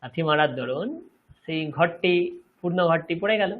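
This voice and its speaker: Teaching Sanskrit in an online lecture, this man from West Bengal, India, speaks with a Bengali accent. He's patient and explanatory, making sure students understand. His pitch is fairly high at a moderate pace, and the recording is dull lo-fi.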